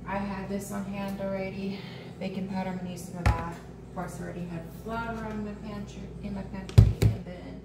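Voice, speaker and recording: A woman's voice: medium pitch, level tone, brisk. A woman in her thirties casually narrating as she cooks dinner in her home kitchen, thinking aloud with ums and small asides. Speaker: home cooking vlogger. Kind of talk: casual cooking vlog narration. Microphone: camera phone set on the counter, a few steps away. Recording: roomy, distant with loud background noise.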